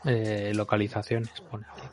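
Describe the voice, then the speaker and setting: A man's voice: lowish voice, monotone, moderate pace, a little mellow. A man playing in a tabletop game, talking through his moves in a matter-of-fact way. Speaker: player. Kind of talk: casual tabletop game chat.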